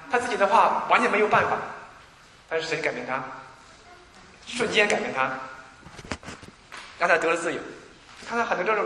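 A man preaching a sermon, telling stories in an animated way, with many restarts and repeated words. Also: a little high, reverberant, long reverb tail, a little hiss or hum, poor audio. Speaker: pastor.

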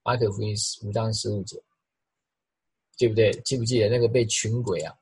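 Very husky-voiced male pastor preaching. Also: fairly low pitch, a little fast, poor audio. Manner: animated, vocally imitates the sounds he describes; repeats phrases for emphasis. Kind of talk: sermon.

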